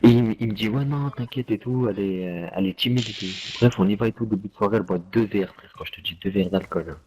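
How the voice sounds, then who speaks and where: While gaming, a young man with a lowish voice quickly tells friends a casual anecdote in street slang, with background noise behind him. His speech is peppered with slang tags and fillers.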